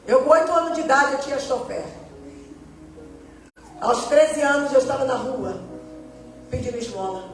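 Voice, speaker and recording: Woman missionary preacher, high voice, animated storyteller, miked from a distance in a booming church hall with soft music. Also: normal speed, pauses often. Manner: storytelling, acting out quoted dialogue. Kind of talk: testimony sermon.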